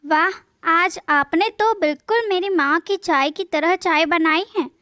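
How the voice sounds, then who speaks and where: A woman doing a friendly young husband, casual, high dry voice. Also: a little slow, bright, forceful tone, dry recording, full character voice.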